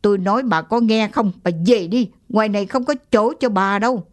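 A woman's voice: fairly low pitch, a little slow, dark tone, no echo, close to an everyday voice. Woman playing a stern, stubborn old grandfather. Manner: stern and curt. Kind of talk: audiobook story reading.

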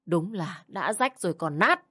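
A woman's voice: lowish voice, expressive, unhurried, sharp tone, slightly rough, no room sound, studio quality, full character voice. A woman voicing a bossy, contemptuous older mother-in-law who scolds and sneers. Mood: scolding.

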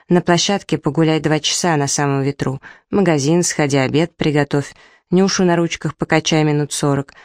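A woman's voice: low voice, darkish tone, no echo. A woman reading the lines of a quarrelsome, sarcastic young wife aloud from a story, in a dry room. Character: sharp-tongued young wife, twenty-seven.

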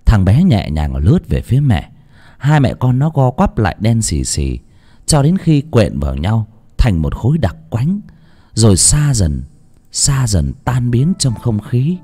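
A man narrating a dramatic audiobook in an expressive storytelling voice. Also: mid-range voice, a little slow. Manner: expressive storytelling, lingering on phrases.

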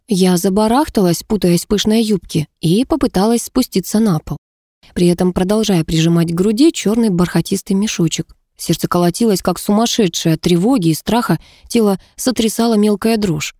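Mellow woman reading a fantasy audiobook. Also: medium pitch, moderate pace, dry recording, clean studio sound. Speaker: audiobook narrator. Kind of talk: first-person fantasy audiobook narration.

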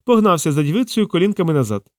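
A man's voice: high voice, expressive, quick pace, mellow, no room sound, studio quality, pitched above the performer's own voice. A man voicing a playful young woman colleague in a storybook reading, with a lighter, lifted delivery. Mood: musing.

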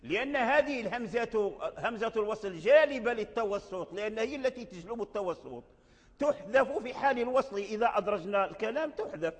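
An older man with a Moroccan accent teaching Quran recitation rules, repeating phrases and chanting verses slowly. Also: high-pitched, animated, big-room sound. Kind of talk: recorded religious lesson.

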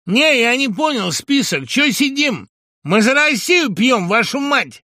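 A man playing a hectoring brute, shouting, hostile, high-pitched, dry sound. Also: sing-song, unhurried, dry recording, heavily acted. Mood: belligerent. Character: aggressive belligerent man, pushy patriot.

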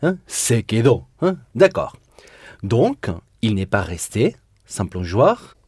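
A man's voice: fairly low pitch, huge pitch swings, slow, a little mellow, breathy edge, dry recording, clean studio sound. A man teaching a Spanish lesson in French, patiently drilling verb endings and repeating students' answers. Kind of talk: language lesson drilling conjugations.

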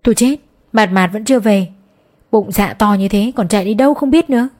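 A woman's voice: fairly quick, darkish tone, natural voice. A woman reading an audiobook, voicing a distraught middle-aged mother who pleads for her son through tears. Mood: rambling. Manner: sobbing, pleading, raised pitch. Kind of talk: audiobook character voice.

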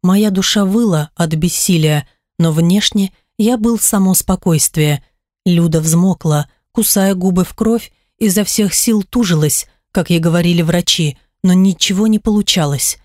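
A woman's voice: fairly low pitch, measured pace, darkish tone, no room sound, studio quality. A woman reading an audiobook in first person, with an emotional, intimate storytelling manner. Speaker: audiobook narrator. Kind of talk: scripted first-person narration.

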